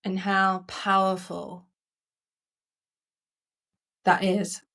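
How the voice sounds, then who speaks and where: A woman co-hosting a coaching podcast, explaining ideas earnestly in a relaxed conversational way, often restarting her sentences. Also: medium pitch, very slow, vocal fry.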